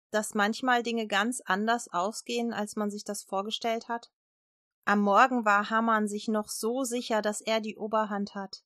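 A woman telling a Bible story to children and closing with a prayer, speaking gently and addressing her listeners directly. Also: on the high side, no echo, studio quality.

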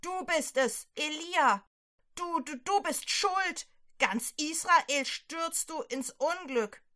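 A woman's voice: slow pace, bright, forceful tone, full character voice. A woman doing a wailing despairing old king. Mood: shrieking. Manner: wailing, shrill and blaming.

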